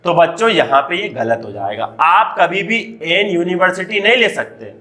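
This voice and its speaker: High, bright-voiced Indian man teaching. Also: animated, normal speed. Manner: repeatedly asks and answers his own questions, addressing children. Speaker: English teacher. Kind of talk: classroom lecture.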